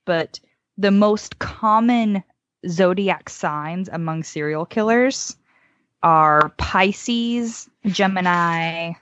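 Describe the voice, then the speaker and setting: A woman's voice: lowish voice, extremely slow, fairly bright tone, no echo. A woman co-hosting a podcast, telling a true-crime story from notes in an informal, conversational way. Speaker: podcast co-host. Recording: dull lo-fi dry close audio.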